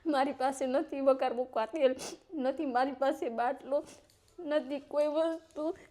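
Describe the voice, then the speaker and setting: A woman's voice: high-pitched, steady tone, a little slow, mellow. A woman, pleading for help in an interview and tearful at times. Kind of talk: emotional plea in an interview.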